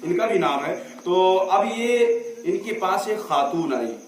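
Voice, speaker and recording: A man preaching a sermon as a story, his voice rising to shouts at the climaxes, picked up through a stage microphone at a large religious gathering. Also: high-pitched, expressive. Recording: very echoey, far from mic.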